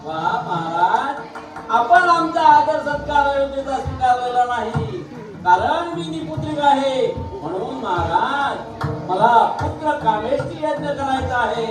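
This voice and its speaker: A man playing a humble, earnest childless king in folk theatre, pleading in drawn-out, sing-song oratory. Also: very high voice, expressive. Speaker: stage performer in a devotional mythological puppet play. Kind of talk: declamatory traditional folk theatre. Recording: very echoey hall, far mic, music and crowd.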